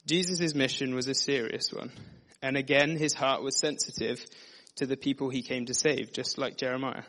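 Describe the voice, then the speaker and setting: A man preaching in an earnest, measured way, moving between scripture readings and plain explanation. His voice sits at an ordinary middle pitch for a man, and the delivery stays steady and sincere throughout. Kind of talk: sermon. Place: dim room.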